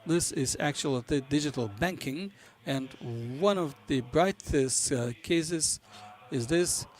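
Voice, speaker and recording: Guy presenting at a business conference, non-native english, kinda halting, hunting for words. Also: on the high side, slight background noise. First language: not English. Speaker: conference presenter for a banking software company.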